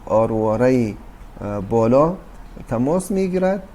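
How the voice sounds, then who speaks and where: A man's voice: medium pitch, very animated, warm tone, a little hiss or hum. A man teaching a recorded Quran recitation lesson, explaining patiently with fillers and restarts. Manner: addresses listeners as dear brothers and sisters.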